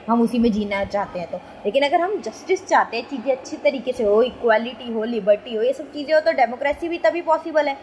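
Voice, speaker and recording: A young woman teaching a school civics lesson in a casual, conversational way, often asking rhetorical questions and reading quotes slowly. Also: sits high, slight background noise, low-quality recording. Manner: reads English quotes slowly.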